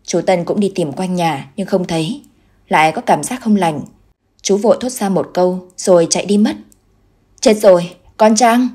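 A woman's voice: lowish voice, normal speed, breathy edge. A woman narrating a ghost story in a scripted storytelling style. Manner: voices the characters with raised, louder delivery.

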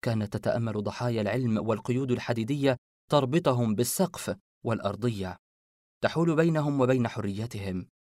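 Male audiobook narrator: mid pitch, steady measured delivery, dry close sound. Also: no echo.

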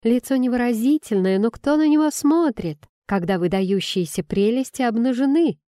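Woman, audiobook narrator, first-person, expressive reading, mellow tone, dry close sound. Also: on the high side, normal speed, dry recording.

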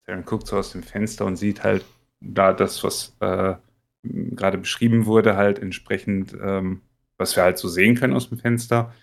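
Low-voiced man playing a tabletop game. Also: steady tone, moderate pace, vocal fry. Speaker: player. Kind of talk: tabletop role-play.

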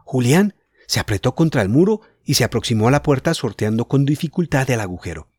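Expressive male audiobook narrator. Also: medium pitch, brisk, breathy edge, dry recording. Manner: expressive storytelling. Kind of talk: audiobook narration of a children's novel.

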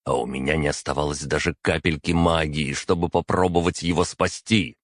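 Very deep-voiced male audiobook narrator. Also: no echo, studio quality. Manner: measured, steady storytelling. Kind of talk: first-person fantasy audiobook narration.

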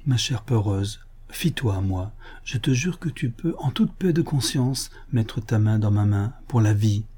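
Storybook role: reader as a devoted young fiancé, soft coaxing tone, dark timbre. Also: male voice, lowish voice, unhurried, husky. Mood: tender. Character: tender young man, loving and reassuring fiancé.

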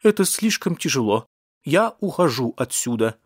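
A man's voice: mid-range voice, big pitch swings, normal speed, slightly rough, no room sound, studio quality. A man doing a tearful, theatrical street woman. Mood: sentimental.

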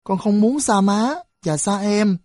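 A woman's voice: mid-range voice, measured pace, darkish tone, no echo, clean studio sound, lightly acted. A woman voicing an earnest teenage boy who pleads and teases his little brother in an audiobook. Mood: tearful. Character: earnest teenage boy, tearful then cheerful.

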